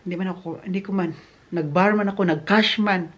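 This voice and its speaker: Chatty Filipino vlogger, English words mixed in. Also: female voice, lowish voice, steady tone, brisk, muffled recording. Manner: chatty, mixes in English words, laughs often. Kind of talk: casual vlog chat to viewers. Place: home in Germany, indoors and outdoors.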